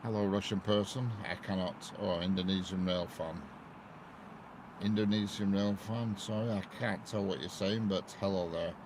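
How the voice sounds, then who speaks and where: A man with a deep voice and a Lancashire accent, from northwest England, chats casually at a normal, steady pace on a live stream. He is a railway livestreamer outdoors beside a railway line, greeting viewers by name and laughing often. The outdoor stream is noisy.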